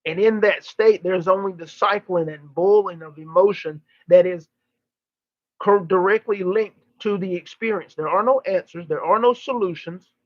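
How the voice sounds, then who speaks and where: A man speaking as a channeling medium, giving spiritual teaching in emphatic, formal phrases broken by deliberate pauses and repetition. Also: high-pitched, dry recording, dull audio. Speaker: channeler giving a live session.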